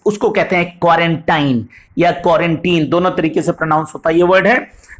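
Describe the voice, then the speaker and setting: A man teaching English vocabulary in a video lesson, explaining patiently, reading English examples slowly and often asking "right?". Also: high-pitched. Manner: addresses viewers as "sahab", frequent "right?".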